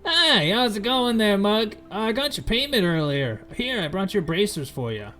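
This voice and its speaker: A man as chatty high-pitched trader Fizban. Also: very animated, normal speed, pushed and bright, exaggerated voice. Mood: friendly, salesy. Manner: rambling, folksy, eager to sell. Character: chatty, awkward small-time male trader named Fizban.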